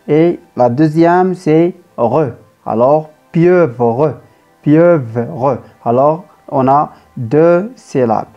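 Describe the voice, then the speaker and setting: A primary school teacher giving a reading lesson to young pupils, talking slowly and repeating words, spelling out letters and syllables one by one. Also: medium pitch, warm tone. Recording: dull lo-fi sound with faint background music.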